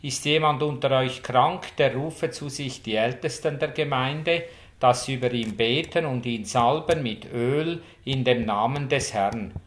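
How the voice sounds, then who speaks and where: A man preaching a sermon, reading scripture quotes in a measured, solemn way. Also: mid-range voice. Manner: measured, solemn, reads Bible quotes with rising fervor.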